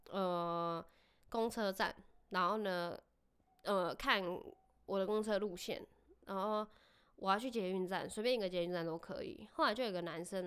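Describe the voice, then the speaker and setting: A young woman tells a personal story on a casual chat show. Her voice is smooth and clear at an ordinary middle pitch. She talks earnestly and hesitantly, often pausing on fillers. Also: a bit bright. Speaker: co-host.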